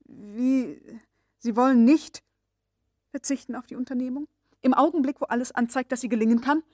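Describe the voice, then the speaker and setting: A woman's voice: high voice, moderate pace, warm tone, no room sound, studio quality, voice pushed up. A woman reading the lines of an exhausted, desperate young man who pleads with urgency. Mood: agitated. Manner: pleading, agitated.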